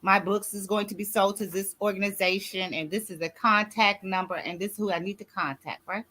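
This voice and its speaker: A woman's voice: mid-range voice, fairly even intonation, brisk, bright, forceful tone. A woman in her sixties speaks as a grief coach and author giving a motivational talk. She sounds preachy and keeps checking in with her listeners. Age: 60s. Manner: preachy, repeats "you see what I'm saying".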